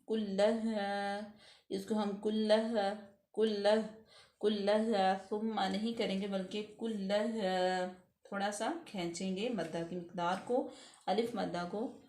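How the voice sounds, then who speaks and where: A woman teaching Quran recitation rules step by step, patiently explaining each letter and then reciting the words slowly. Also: mid-range voice, fairly even intonation, darkish tone, reverberant. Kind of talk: step-by-step tajweed lesson.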